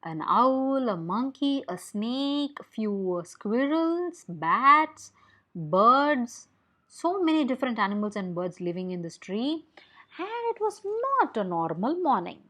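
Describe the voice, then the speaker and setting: A young woman with an Indian accent tells a picture-book story to children, explaining as she goes and asking questions expressively. Her voice is a little high and her pace slow.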